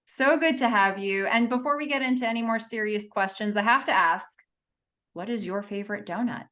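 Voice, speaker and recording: A woman's voice: medium pitch, brisk, pushed and bright. A woman hosting an interview as a motivational speaker, enthusiastic and upbeat. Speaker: host, motivational keynote speaker.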